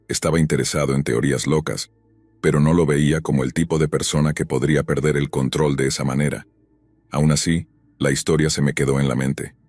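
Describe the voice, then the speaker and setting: A man narrating a scary story in a calm, even, scripted way. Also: a bass voice, slightly rough, dry recording.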